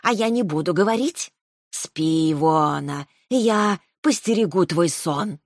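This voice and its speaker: Woman doing a sly soft-spoken snake. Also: fairly low pitch, lively intonation, measured pace, no echo, clean studio sound. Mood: quiet. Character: sly female mist snake, calm guardian.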